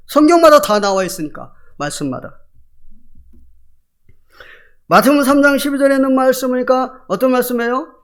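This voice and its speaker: Lively high-voiced older male preacher. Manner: animated preaching, quizzing the congregation. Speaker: pastor. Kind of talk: sermon.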